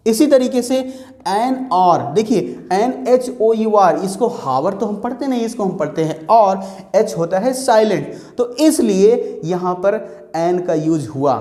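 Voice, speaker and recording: Working through grammar one step at a time, this English teacher repeats key points and answers questions he poses himself. His high-pitched voice has a dark, mellow quality, and the room echoes around him.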